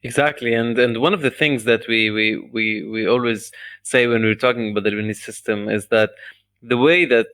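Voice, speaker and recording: A man co-hosting a podcast, speaking analytically with frequent "uh" pauses. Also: mid-range voice, steady tone, fairly bright tone, smooth, dry recording. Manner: fluent, many "uh" pauses, analytical. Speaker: podcast co-host. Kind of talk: podcast discussion.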